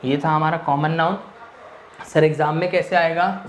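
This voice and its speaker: A man's voice: fairly high pitch, steady tone, normal speed. Man teaching grammar in an echoey room. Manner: asks rhetorical questions and answers them himself; switches between Hindi and English mid-sentence. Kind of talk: Hindi-English grammar lecture. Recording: echoey room with faint noise.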